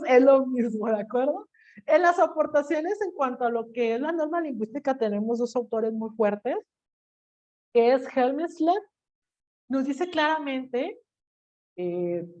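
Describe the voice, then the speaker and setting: A young woman teacher lectures her class in a lively way. She speaks in a fairly high voice, slips into quoted voices and puts questions to her students. The recording sounds dull and lo-fi.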